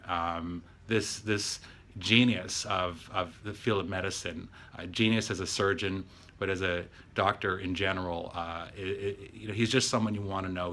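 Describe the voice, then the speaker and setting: A middle-aged man with a very low voice that still has a bright, forward edge. He speaks casually, as in a personal video diary, choosing words haltingly and with earnest reassurance. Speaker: video diarist, patient recovering from surgery. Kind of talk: casual vlog talk to camera. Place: hospital room.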